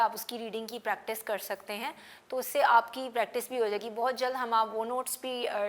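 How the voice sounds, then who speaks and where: A woman's voice: a little high, vocal fry, fairly bright tone. A woman teaching an English phonics class, spelling words out letter by letter and mixing Hindi-Urdu with English. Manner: calls out to students by name.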